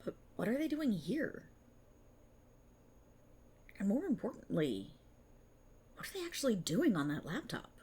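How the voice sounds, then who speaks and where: A woman plays an indignant policewoman who knows she's trapped in a script, in a dramatic ASMR audio roleplay monologue. Her slightly rough-edged, mellow voice is sing-song and swings widely in pitch, carrying sarcasm and theatrical exasperation. She goes at a measured pace with long pauses, in full character voice, sounding snippy and puzzled.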